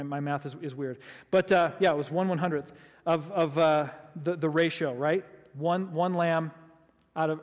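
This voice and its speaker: High-voiced male pastor, animated storyteller, long hall reverb. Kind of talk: sermon.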